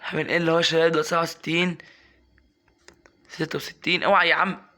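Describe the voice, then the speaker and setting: A young man with an Egyptian Arabic accent giving casual gameplay commentary, coaxing and scolding his in-game pet and breaking into excited yelps. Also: a little high, racing. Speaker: gaming YouTuber.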